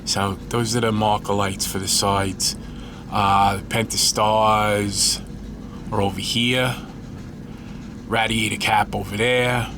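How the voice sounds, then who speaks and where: A man's voice: lowish voice, level tone, takes it slowly, long pauses, background noise. A stuffed-up man chatting casually while showing his scale model build, rambling and correcting himself as he goes. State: stuffed up, congested. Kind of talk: casual hobby tutorial.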